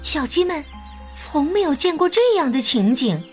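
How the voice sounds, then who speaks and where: A woman storyteller gently and expressively reading a picture book aloud to children. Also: high-pitched, big pitch swings, moderate pace, soft background music.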